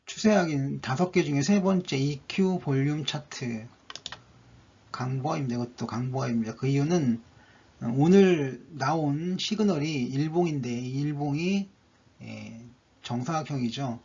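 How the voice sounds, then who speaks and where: A man's voice: medium pitch, unhurried, darkish tone, husky. A man narrating a stock chart analysis, going methodically through each indicator one by one, on a dull lo-fi recording.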